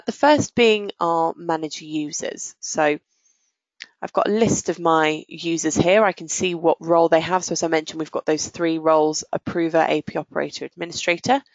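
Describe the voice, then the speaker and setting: The recording has no room sound and its highs are cut off, carrying a woman's low, creaky voice. She is demonstrating software live, guiding viewers step by step in a relaxed business tone.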